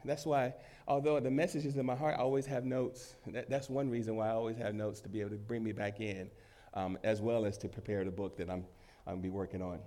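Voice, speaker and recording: A man preaching a sermon to his congregation as pastor while he has a cold. He swings between loud emphasis and quiet asides and laughs easily. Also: fairly low pitch, level tone, fairly quick, few pauses. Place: church in front of a congregation.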